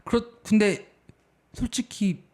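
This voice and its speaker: A young man co-hosting a podcast in casual conversation, easygoing and quick to laugh. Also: sits high, darkish tone. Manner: easygoing, laughs often, chimes in briefly. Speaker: podcast co-host. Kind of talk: casual discussion.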